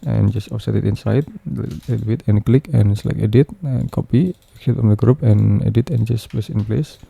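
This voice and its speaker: A man with a lowish, very soft-edged and dark voice walks through a software tutorial one step at a time. His delivery is halting and repetitive, with frequent hesitations and a gravelly creak. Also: dry recording. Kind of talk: unscripted step-by-step screen tutorial narration.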